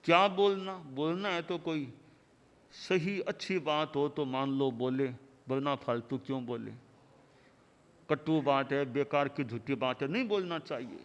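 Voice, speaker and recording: A man delivering a sermon as a spiritual teacher, in measured, rhythmic lists of short phrases. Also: medium pitch, lo-fi sound. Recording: long hall reverb.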